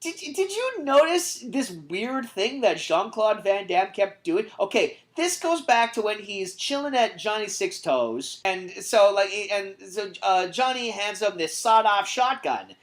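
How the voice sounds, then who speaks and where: Female podcast co-host, mid-pitched, enthusiastic and foul-mouthed, casual movie chat. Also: very animated, unhurried, hardly any pauses. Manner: enthusiastic, sweary, retells scenes animatedly. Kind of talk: casual film discussion.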